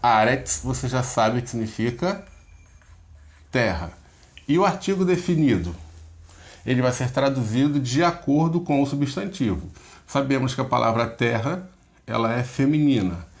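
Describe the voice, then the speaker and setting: A man's voice: mid-range voice, lively intonation, moderate pace, pauses often. A middle-aged man, a pastor, giving a recorded Hebrew grammar lesson, explaining each step patiently and often checking in with short questions. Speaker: pastor teaching biblical Hebrew.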